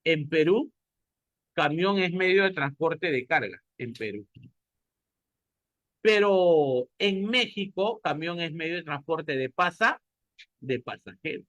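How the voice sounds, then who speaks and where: A man's voice: fairly high pitch, expressive, slow pace, long pauses, fairly bright tone, no room sound, dull audio. A man from Peru with a Peruvian Spanish accent, lecturing a class and answering his own questions. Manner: asks the class questions and answers them himself. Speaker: teacher.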